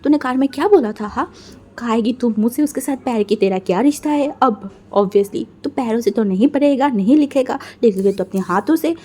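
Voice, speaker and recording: A woman's voice: fairly high pitch, a little fast, mellow, close to an everyday voice. A woman voicing a stern, blunt young man who speaks curtly, read from a fan fiction.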